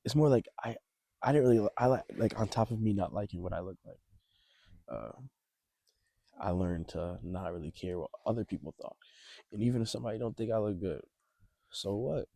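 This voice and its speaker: A man's voice: lowish voice, a little fast, gravelly, pauses often, dark tone, no room sound, clean studio sound. A young man chatting casually to camera in a hesitant, reflective way, outdoors in the cold, his voice shaky from shivering. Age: young adult. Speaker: vlogger. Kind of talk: casual, rambling advice chat to camera. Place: outdoors on a cold, windy, snowy beach.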